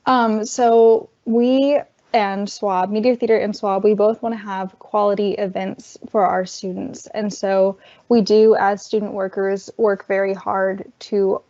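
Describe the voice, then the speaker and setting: A woman student worker giving a virtual orientation presentation, chatty and losing her voice, clearing her throat. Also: mid-range voice, level tone, unhurried, dark tone. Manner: chatty, explains while cueing slides. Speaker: student worker presenting campus film events. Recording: dull lo-fi online call audio.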